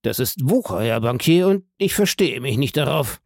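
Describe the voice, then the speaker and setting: A man reading an audiobook and voicing a calm, phlegmatic bandit chief who answers in an unhurried, dry, mockingly courteous way. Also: mid-range voice, gravelly, dry recording, voice pushed up.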